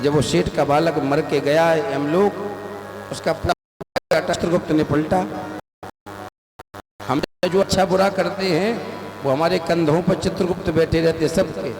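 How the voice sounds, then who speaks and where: A man's voice: on the high side, steady tone, a little slow, pauses often. A man preaching a devotional katha sermon, telling a story and acting out the dialogue of its figures. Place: large outdoor katha venue with loudspeakers. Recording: echoey live hall sound with music.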